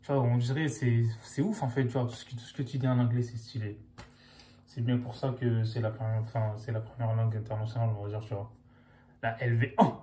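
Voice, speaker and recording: Young guy vlogging, mellow, slangy and loose, heavy on fillers. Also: medium pitch, little pitch movement, fairly quick, slight background noise. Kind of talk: casual chat to camera.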